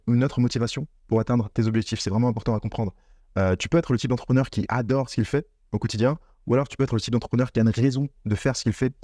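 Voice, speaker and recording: A man's voice: medium pitch, warm tone, no room sound, studio quality. A man giving a motivational talk on business mindset straight to the viewer, earnest and repetitive. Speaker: online business coach. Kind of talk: direct-to-camera motivational talk.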